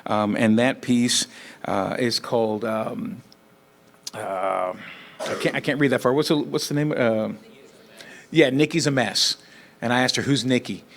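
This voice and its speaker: A man's voice: mid-range voice, steady tone, measured pace, long pauses, a little hiss or hum. A man presenting student awards at a school board meeting, reading out long lists of names with filler words.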